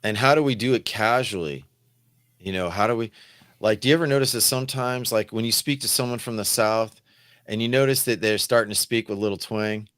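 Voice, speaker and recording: A man's voice: fairly low pitch, fairly quick, a bit bright, no room sound, studio quality. A man hosting a podcast, chatting loosely and asking guests questions. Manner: conversational, asks questions, laughs easily. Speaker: podcast host. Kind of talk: casual chat.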